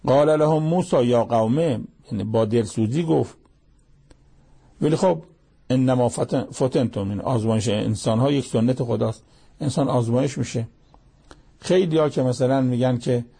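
A male preacher with a gravelly, husky voice and a dark, mellow tone. He reciting scripture and explaining it, driving points home with rhetorical questions. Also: medium pitch. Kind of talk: sermon on Quran verses.

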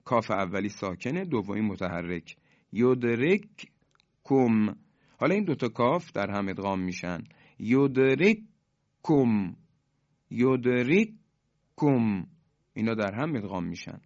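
A man teaching Quran recitation rules, who explains each rule slowly and then chants each example drawn out and louder. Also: lowish voice, big pitch swings, dry recording, highs cut off. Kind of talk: recorded tajwid lesson.

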